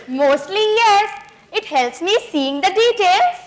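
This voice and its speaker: A woman playing a grand, theatrical art critic who speaks slowly and grandly. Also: extremely high pitch, expressive, exaggerated voice, poor audio. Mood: pompous. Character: grand deaf-rumored elderly female art critic. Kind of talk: amateur stage comedy acting.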